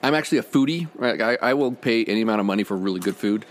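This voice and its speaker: A man in middle age runs a diner and talks about it in a casual podcast chat. He rambles through his stories quickly and with plenty of enthusiasm. His voice sits low, and faint diner noise runs behind him. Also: lively intonation. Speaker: diner owner. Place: diner dining room.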